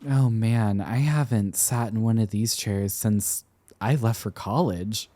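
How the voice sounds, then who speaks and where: A young man plays a tender, flustered college-age boyfriend in an intimate romantic roleplay, his hesitant, stammering delivery soft-hearted, affectionate and playful. His natural voice sits on the low side and is a little slow. There is a little hiss or hum.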